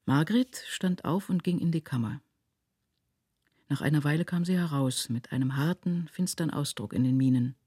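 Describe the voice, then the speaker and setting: A woman reading a classic novella aloud in a measured, earnest storytelling style, recorded in a studio. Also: sits low, mellow, husky, dry recording. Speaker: reader of a literary audiobook. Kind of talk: scripted narration of a classic novella.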